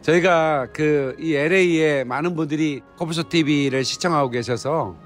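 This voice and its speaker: A man's voice: on the high side, moderate pace, faint music behind. A man in his fifties, a pastor, conducting a casual conversational interview indoors with a handheld phone as microphone. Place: indoor hotel lobby lounge.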